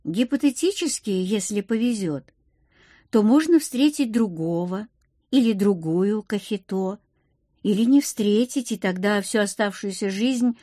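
A woman voicing a calm young female friend who patiently explains things in an audiobook. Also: mid-range voice, no echo, studio quality, lightly acted. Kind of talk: audiobook reading.

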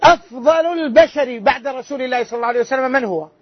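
A loud-voiced man teaching a religious lesson as a sheikh, quizzing his listeners with rhetorical questions. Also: extremely high pitch, rapid-fire, no echo. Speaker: sheikh teaching a hadith class. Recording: dull lo-fi lecture recording.

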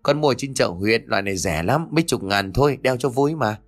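A man's voice: mid-range voice, lively intonation, brisk. Man doing a stammering, guilty young villager. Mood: nervous. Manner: stammering, hesitant.

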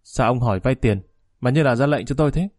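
A man's voice: mid-range voice, quick pace, darkish tone, no room sound, studio quality, natural voice. Man doing an offhand young banker. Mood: uneasy. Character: young male banker, confident, careless, worried.

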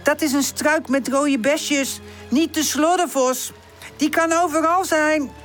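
Vrouw als voorzichtig, bedachtzaam teefje. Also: female voice, sits high, steady tone, takes it slowly, soft background music, voice pushed up. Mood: sighing. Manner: hesitant, rule-minded, cross. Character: cautious sensible female puppy dog.

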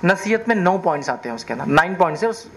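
A man with a high, animated voice delivers a sermon. He often turns to the audience with questions. A faint ambience hums in the background. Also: creaky, slight background noise. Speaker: preacher.

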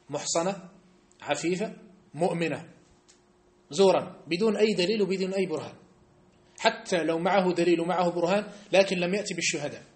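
A man giving a mosque study-circle lesson, animated and emphatic, often checking that his listeners understand. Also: fairly high pitch. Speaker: religious teacher. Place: mosque hall.

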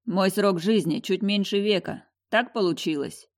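A woman voicing a weary young prince in a fantasy audiobook, speaking calmly with bitter irony. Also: mid-range voice, normal speed, lightly acted. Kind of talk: audiobook character voice.

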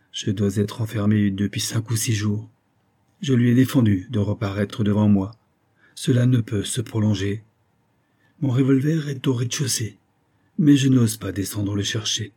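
A haggard, terrified recluse, read by a man, speaking with feverish dread in an audiobook story. The voice is low and husky, dark and mellow in tone. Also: fairly even intonation, normal speed. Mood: fearful. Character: haggard, terrified male recluse convinced he is haunted. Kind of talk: audiobook reading.

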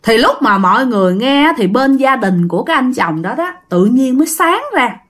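Lively Southern Vietnamese woman storyteller. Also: on the high side, normal speed. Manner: chatty, addresses listeners directly. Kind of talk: ghost story narration.

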